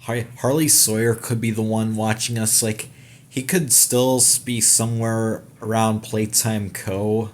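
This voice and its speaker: A man's voice: fairly low pitch, fairly even intonation, measured pace. A young man hosting a gaming channel, giving a casual, rambling trailer breakdown with many fillers, restarts and casual swearing.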